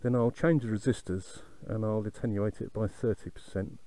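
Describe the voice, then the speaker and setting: A man's voice: fairly low pitch, normal speed, dry recording. A man giving casual commentary while riding, speaking into a microphone inside his motorbike helmet, as over a helmet intercom. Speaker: motorcycle vlogger. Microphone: foam-covered microphone in helmet cheek pad. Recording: loud wind, engine and road noise.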